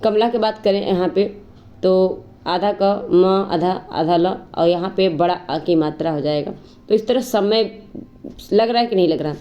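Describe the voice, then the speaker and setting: A woman's voice: on the low side, normal speed, lo-fi sound. A woman teaching an exam-prep grammar lesson, explaining patiently, asking herself questions and drawling vowels to show how they stretch. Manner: explanatory, repeats "ठीक है" and asks rhetorical questions; drawls vowels long to demonstrate.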